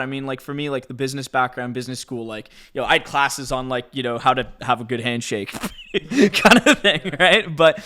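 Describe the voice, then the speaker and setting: A man's voice: on the high side, sharp tone. A man hosting a music podcast, talking conversationally with many filler words. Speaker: podcast host. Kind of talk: casual interview talk.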